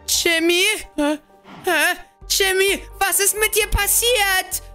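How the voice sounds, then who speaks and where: A young man hosts a game role-play video with a very high voice. He talks to his viewers in an excitable, dramatic way. Faint music plays under him. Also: slow. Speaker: gaming video host.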